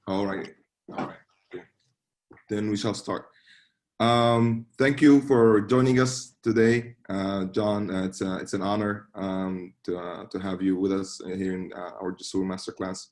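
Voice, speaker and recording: A man's voice: low-pitched, level tone, measured pace, darkish tone. A man hosting an interview, asking formal questions hesitantly with many fillers.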